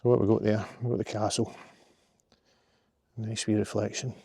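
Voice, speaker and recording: A man's voice: fairly low pitch, little pitch movement, normal speed, gravelly, mellow, slightly rough, no room sound. A middle-aged Scottish man, a landscape photographer, chatting to himself in a casual vlog while hiking through riverside woods outdoors.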